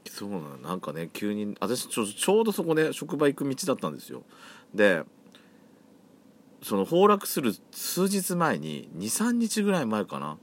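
Solo podcast host, man, Yamagata accent, lowish voice with a lively, swooping delivery and campy chatter. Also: normal speed. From Yamagata, Japan. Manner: chatty, campy feminine phrasing. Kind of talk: solo casual chat.

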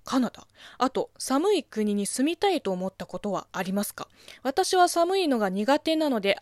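A woman's voice: fairly high pitch, dry recording, clean studio sound. A woman from southern China, a native Chinese speaker with a Chinese accent, hosting a casual radio show where she reads listener letters and answers them offhand. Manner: chatty, reads letters then comments offhand.

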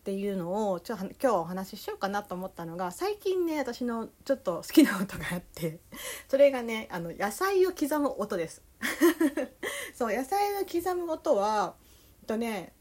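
Young Kansai-accented woman, solo podcast host, slightly high voice, loose and rambling delivery. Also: darkish tone. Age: young adult. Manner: easygoing, meandering, full of fillers. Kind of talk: casual solo talk.

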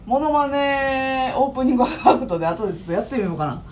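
Kansai woman co-host, fast chatter with a lively, swooping voice. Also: high-pitched, a little hiss or hum. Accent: Kansai Japanese. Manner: chatty, quick back-channel replies, thanks listeners. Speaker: podcast co-host. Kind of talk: casual chat podcast.

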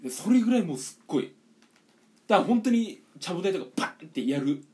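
Young man, casual podcast chat, fast talker, very lively pitch, acts out quotes. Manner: animated storytelling, acts out quotes. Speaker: podcast co-host.

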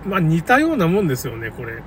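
A man's voice: a little high, huge pitch swings, quick pace, a bit bright. A man giving a casual, unscripted monologue in a rambling, opinionated and conversational way. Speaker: commentator recounting a local flood. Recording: noisy, distant mic, car and outdoor ambience.

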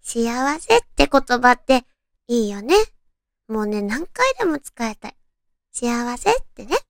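A woman's voice: fairly high pitch, sing-song, measured pace, creaky, dry recording, studio quality. A woman chatting casually and girlishly as a solo host, reading out romantic material and adding her own reactions. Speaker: solo host of an audio talk show.

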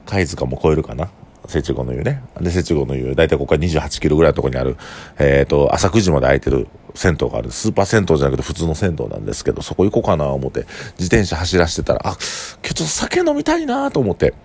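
A young man with a Kansai accent chatting casually on his solo talk show, telling rambling stories in an animated way. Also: very deep voice, quick pace, breathy edge. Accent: Kansai Japanese. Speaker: podcast host.

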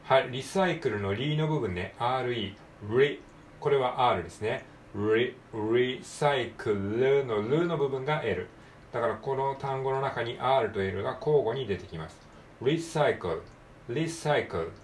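A man with a Japanese accent teaching English pronunciation, patiently drilling words slowly and repeating them. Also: medium pitch, a little hiss or hum. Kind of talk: solo read-aloud practice lesson.

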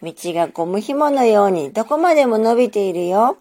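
A woman voicing an excited little girl who plays with her doll, in a sing-song childlike manner for a storybook reading. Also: mid-range voice, a little fast, close to an everyday voice. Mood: wonder.

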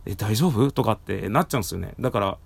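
A man hosts a casual solo talk in a slightly low voice. His throat sounds hoarse and tired. He speaks through a face mask, so the words come out a little muffled. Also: rapid-fire, no echo. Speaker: podcast host and live streamer. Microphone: recorded through a face mask.

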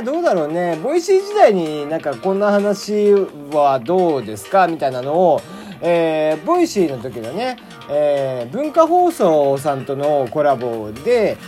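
A man hosting his own casual talk show, rambling with many drawn-out fillers and chuckling at himself, with slight traces of a Hakata dialect. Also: fairly high pitch, a little mellow. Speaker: podcast host.

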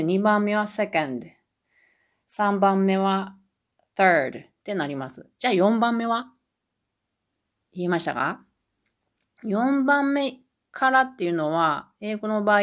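Slow, chatty woman with a Kansai accent. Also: mid-range voice. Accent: Kansai Japanese. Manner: chatty, self-deprecating, drills numbers in Japanese then English. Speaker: podcast host teaching English. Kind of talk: solo English lesson podcast.

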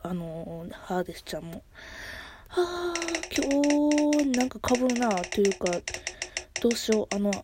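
A woman's voice: mid-range voice, mellow, slight background noise. A middle-aged woman with a Kansai accent, hosting a casual solo podcast and rambling as she corrects herself. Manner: rambling, self-correcting, chatty. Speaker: podcast host.

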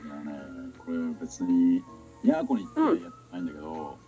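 Deep, quick-talking male guest, very animated pitch, dull lo-fi sound, music behind. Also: vocal fry. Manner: relaxed, speaks quickly, slips into English lines. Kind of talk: casual chat.

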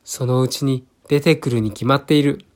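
A bullying male cat from a storybook, growling threats in a rough, bossy voice, as a man puts him on. It is close to the reader's own voice, just gruffer and pushier. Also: medium pitch, fairly even intonation, moderate pace, close to an everyday voice. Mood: muttering.

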